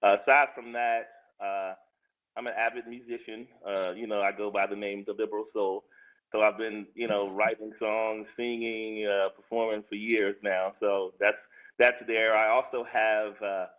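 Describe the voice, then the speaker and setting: A man speaks as a guest on a casual chat show, pausing with lots of fillers. His voice sits a little low. The sound is dull and lo-fi. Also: little pitch movement, a bit bright. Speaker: guest, musician. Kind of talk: casual interview talk.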